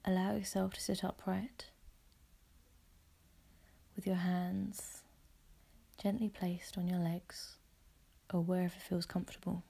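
A woman with a fairly low, soft, breathy and husky voice guides a visualisation meditation. She speaks calmly and gently, shaping her words into measured, soothing phrases.

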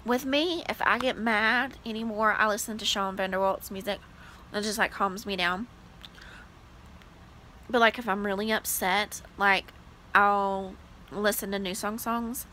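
A woman's voice: mid-range voice, fairly even intonation, unhurried, bright, forceful tone, a little hiss or hum, poor audio. A woman in her late twenties chatting casually to her vlog viewers, gushing and full of "like" fillers. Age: 20s. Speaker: vlogger. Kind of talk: casual vlog chat to camera.

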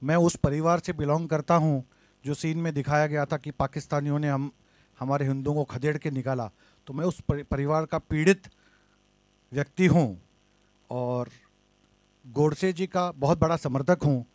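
A man's voice: a little high, fairly even intonation, normal speed, long pauses, a little mellow, no room sound. A man speaking fervently in support at a press conference, combative and declarative. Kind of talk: impassioned speech.

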